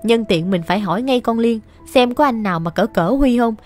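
Gossipy woman telling a radio story, a bit high, soft music behind. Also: fairly quick. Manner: chatty, gossipy and exasperated.

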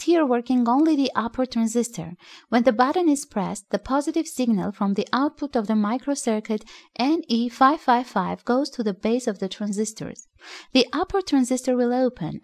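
A woman reading a scripted voice-over that explains an electronics build, in a steady explanatory way with slightly non-native phrasing. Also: on the high side. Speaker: electronics channel narrator.

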